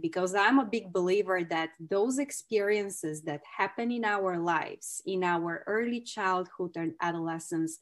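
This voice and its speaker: Here a woman with a lowish voice presents a gushing online training talk on a video call. She is a Bulgarian clinical psychologist, with a Bulgarian accent and non-native wording.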